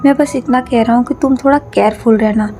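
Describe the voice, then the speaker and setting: A woman's voice: a little high, steady tone, fairly quick, warm tone, soft background music, lightly acted. A woman narrator voicing a loyal, protective young man who reassures his friend, in a storybook reading. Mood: reassuring.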